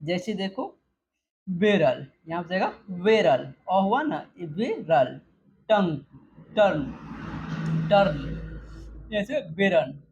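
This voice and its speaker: A woman with a fairly low, husky, darkish voice explains spelling rules expressively, taking her time and leaving long pauses. She repeats example words and quizzes the class, answering her own questions. The recording is dull and lo-fi.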